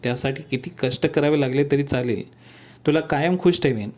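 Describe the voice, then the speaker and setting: A man voicing a gentle, devoted young rickshaw driver who talks in an earnest, reassuring, fond way. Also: mid-range voice, brisk, lightly acted.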